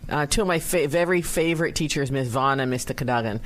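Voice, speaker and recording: A woman's voice: a bass voice, quick pace. A woman from Barbados, a nonprofit director, answering radio interview questions in a conversational way.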